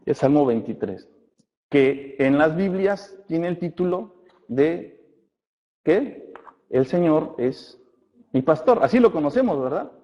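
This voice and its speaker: In a reverberant hall, a man with a slightly high, lively voice teaches a church Bible class, calling his listeners brothers and asking questions to check their understanding. He reads scripture aloud slowly, and the recording is muffled.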